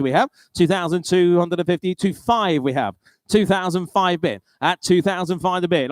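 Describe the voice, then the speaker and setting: Clear-voiced British male auctioneer, higher pitched. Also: no room sound. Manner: informal, chatty, wry asides between bids. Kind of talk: live auctioneering, rolling bid-calling chant with repeated prices.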